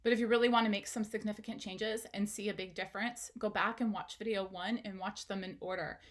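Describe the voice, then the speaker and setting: A woman's voice: medium pitch, steady tone, a little fast. A woman, a parenting educator, giving an instructional talk straight to the viewer, asking questions and encouraging them.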